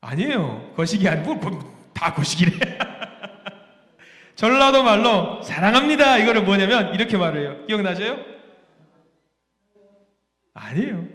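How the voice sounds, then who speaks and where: High-voiced man preaching in an echoey hall. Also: fairly bright tone. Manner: asks the congregation questions and jokes with them; repeats key phrases with rising emphasis. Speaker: pastor. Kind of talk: sermon. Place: church sanctuary. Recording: echoey hall with long reverb.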